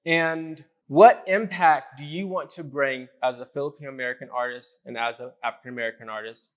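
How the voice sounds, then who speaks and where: A man's voice: mid-range voice, steady tone, brisk. A man hosting a casual interview with a fitness challenge, upbeat and coaching, often checking in with "okay?". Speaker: fitness podcast host.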